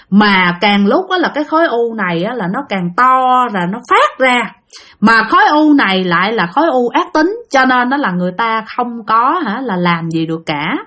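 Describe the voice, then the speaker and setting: A woman's voice: on the high side, a bit bright. A woman with a Southern Vietnamese accent telling a spoken story, acting out the quarrels in raised voices. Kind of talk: spoken ghost-story narration.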